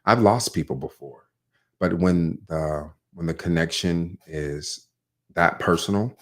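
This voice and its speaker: Deep-voiced man telling a story. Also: unhurried. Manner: candid, storytelling, jokes about himself. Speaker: interview guest, author. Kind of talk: casual interview chat.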